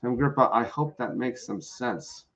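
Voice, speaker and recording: A man's voice: medium pitch, measured pace, fairly bright tone, poor audio. A man doing a live-streamed tarot reading, chatting with viewers and answering the chat. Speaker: tarot reader.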